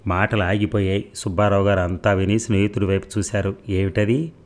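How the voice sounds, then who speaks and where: Deep-voiced male storyteller. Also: little pitch movement, quick pace. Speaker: narrator. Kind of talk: storytelling reading.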